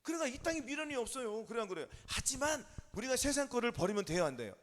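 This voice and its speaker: A man preaching an emphatic sermon as pastor, drilling his listeners with quick yes-or-no questions and calls of amen. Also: extremely high pitch, sing-song, a bit bright, in a large hall.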